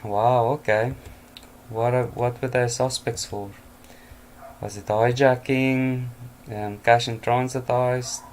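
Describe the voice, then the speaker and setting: This mid-range male voice is flat and slow, carrying a faint hiss or hum. He's a tired news commentator doing casual commentary from home, yawning as he reads the night's headlines and drops in offhand comments and chuckles.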